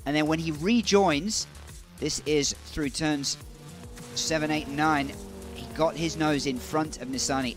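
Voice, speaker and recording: A man commentating on a motor race in a measured style, building emphasis on key moments. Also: on the high side.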